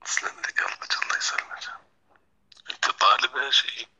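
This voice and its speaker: A young man, a soldier taking a phone call, polite and hushed, showering the caller with pious blessings. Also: fairly quick, whispered. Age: 20s. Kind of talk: casual phone chat.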